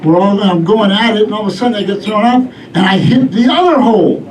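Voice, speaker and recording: Male stand-up comic, middle-aged, rambling storyteller with a higher voice, picked up from afar before a laughing crowd. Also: fast, a little mellow, slight background noise. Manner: rambling storyteller delivery, acting out bits. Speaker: stand-up comedian. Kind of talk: stand-up comedy routine. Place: live comedy venue with audience. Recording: echoey club room, distant mic, audience laughter.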